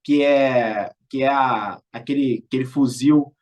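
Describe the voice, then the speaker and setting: A young man from Brazil, a guest in a casual interview, telling animated, slangy stories and acting out shouted lines. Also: mid-range voice, a little slow. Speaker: guest, former military school cadet.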